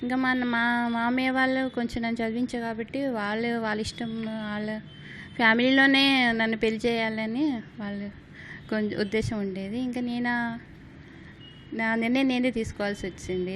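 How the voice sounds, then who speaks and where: Keralite woman, earnest, higher voice. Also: flat delivery, moderate pace, a bit bright, slight background noise. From Kerala, India. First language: Malayalam. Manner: earnest, slightly hesitant. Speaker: interviewee. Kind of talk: interview.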